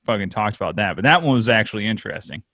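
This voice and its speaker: A man's voice: fairly low pitch, lively intonation, very fast, bright, forceful tone, no echo. Dry-sounding man in loose casual chat. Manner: loose, swearing, laughing often. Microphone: remote call microphone.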